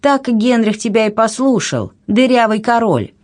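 A woman voicing a proud, hot-tempered young princess who shouts indignantly. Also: sing-song, moderate pace. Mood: furious. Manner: shrill, indignant outbursts.

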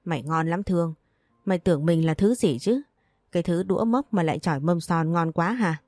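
A sly, jealous young schemer, sneering and mock-innocent, as a woman reading the audiobook puts her on. The voice is low-pitched and mellow, recorded close and dry. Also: a little fast, no echo, natural voice.

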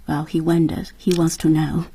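A woman hosts an educational radio lesson from a studio. Her voice is heavily husky and darkly mellow, and it sits a touch low. She poses questions and repeats vocabulary words for listeners. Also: little pitch movement, normal speed, no room sound.

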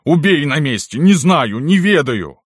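A man's voice: on the low side, expressive, unhurried, fairly bright tone, dry recording, clean studio sound, pitched above the performer's own voice. A man voicing a meek, frightened old peasant father who pleads and begs for mercy. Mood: pleading. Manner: pleading, begging, bowing.

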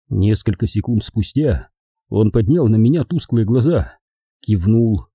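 Brief: male audiobook narrator, dark husky voice, lively pitch, dry close sound. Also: no echo. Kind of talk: first-person detective narration.

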